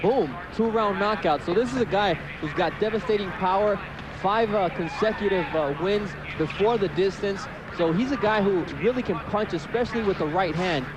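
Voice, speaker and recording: Male fight analyst, high register, live ringside commentary with clear background noise. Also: moderate pace. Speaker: boxing color analyst. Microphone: ringside broadcast microphone.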